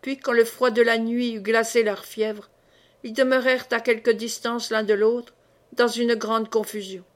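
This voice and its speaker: Lectrice de livre audio, femme à la voix assez aiguë, lecture posée et expressive d'un roman classique. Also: female voice, a little high. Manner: calm, measured, expressive reading. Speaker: audiobook reader. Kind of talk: literary audiobook narration.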